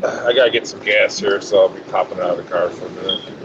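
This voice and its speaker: A man's voice: low-pitched, fairly even intonation, fast, creaky. A man joking offhand with the host over a call from his car, swearing casually. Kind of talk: casual chat. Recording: dull lo-fi call with car and air-con noise.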